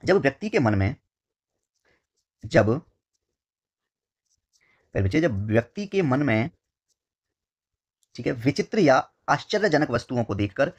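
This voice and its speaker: A male teacher giving an exam-prep lesson, repeating key words slowly and often calling his students his dear children. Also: mid-range voice, big pitch swings.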